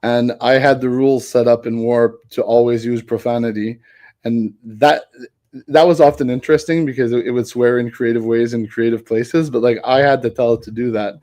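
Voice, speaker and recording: A man's voice: medium pitch, steady tone, darkish tone. A man guesting on a casual tech chat who rambles, restarts his sentences and laughs easily. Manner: rambling, self-correcting, quick to laugh. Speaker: guest developer.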